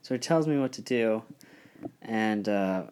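A man's voice: fairly low pitch, lively intonation, unhurried, a little mellow, slight background noise. A young man hosting a casual chat, telling a story about himself with a laughing, self-deprecating manner. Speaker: podcast co-host.

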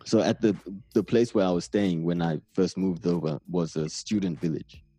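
A man's voice: sits low, moderate pace, mellow, husky, faint music behind. A man in his thirties from Namibia with a Namibian accent, telling stories in a laid-back, rambling way during a casual conversation. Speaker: guest.

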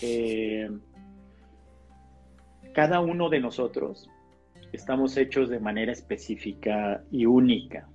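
Husky-voiced man pastor telling a story. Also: mid-range voice, slow, pauses often. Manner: animated storyteller, acts out dialogue. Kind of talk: testimony in a casual podcast conversation. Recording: slightly dull podcast audio with faint guitar music.

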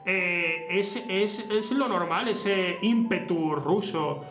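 His voice is high, slow, and fairly bright. A young man from Spain is hosting a relaxed chat, often hesitating with "eh," starting sentences over, and laughing readily, all in an echoey room where faint music plays.

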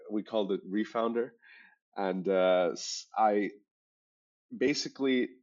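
He grew up in Hong Kong, speaks English with an international school accent, and appears as a startup founder telling stories in an interview. The voice is lowish with a darkish tone, and he stops, corrects himself and stresses points as he goes. Sound quality is dull lo-fi podcast audio.

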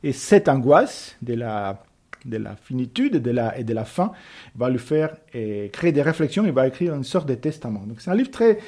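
A man's voice: mid-range voice, big pitch swings, normal speed, warm tone. A man presenting books in a casual, hesitant way, often searching for his words. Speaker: book presenter. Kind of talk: casual book recommendation.

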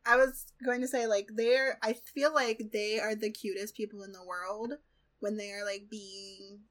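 Wry chatty woman, bright voice. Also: medium pitch, flat delivery, moderate pace. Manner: chatty, wry, laughs often. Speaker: podcast co-host. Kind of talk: casual chat.

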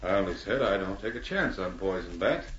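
An actor playing a calm, shrewd, commanding Mountie sergeant in a 1940s radio drama, speaking with measured authority. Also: male voice, deep voice. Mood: smug. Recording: muffled, echoey, hissy old radio recording.

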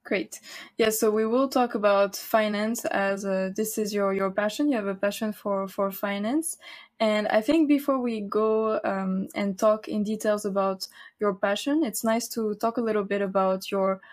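A woman hosting a podcast interview, friendly, often repeating words and pausing on fillers. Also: mid-range voice, fairly even intonation. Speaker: podcast host.

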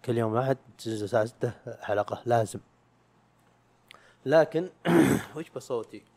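A man's voice: medium pitch, normal speed, a little mellow, no room sound. A young man, chatting casually as a podcaster in a rambling, self-mocking way, with slang and swearing. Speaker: YouTube podcaster. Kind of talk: casual chat.

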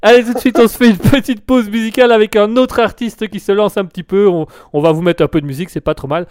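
A man's voice: high voice, steady tone, fast talker, a little mellow, slight background noise. A man hosting a casual show, joking playfully and often breaking into laughter. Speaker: show host.

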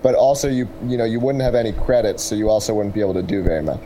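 A man giving casual, explanatory interview answers as a tech startup representative, pausing to pick his words. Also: lowish voice, mellow, a little hiss or hum, poor audio.

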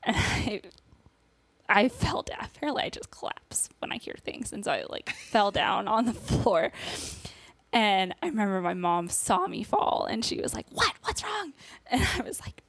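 A young woman guest on a podcast tells a personal story in casual talk, her mid-range voice very animated at a moderate pace. She laughs nervously and acts out the dialogue people said.

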